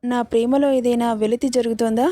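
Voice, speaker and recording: A woman's voice: a little high, fairly even intonation, brisk, warm tone, no echo, studio quality, close to an everyday voice. A woman voicing a loving young husband who pleads tenderly with his wife in a storybook reading.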